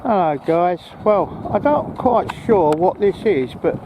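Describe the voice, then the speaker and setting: A man vlogger walks through a park, chatting casually and a bit hesitantly to the camera. His voice sits high, with lively intonation and a slow pace. The outdoor recording is noisy, with wind.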